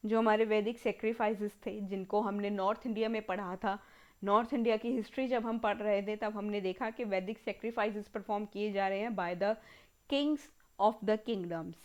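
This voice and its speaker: A woman with an Indian accent giving an exam-prep history lecture, slowly repeating key terms as if dictating and mixing Hindi with English words. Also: mid-range voice, steady tone, a little mellow. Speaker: history teacher.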